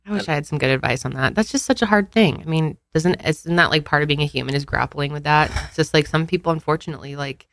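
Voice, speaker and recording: A woman's voice: sits low, fast, hardly any pauses, no echo, studio quality. A woman co-hosting a podcast, putting questions to her co-host and laughing easily in casual chat.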